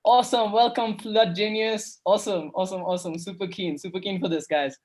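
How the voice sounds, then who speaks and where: The recording is poor as a young man raised in Kenya runs a casual coding workshop online via video call. He speaks briskly in a high, somewhat dark voice with fairly even intonation, staying upbeat and chatty, leaning on fillers and saying "awesome" again and again.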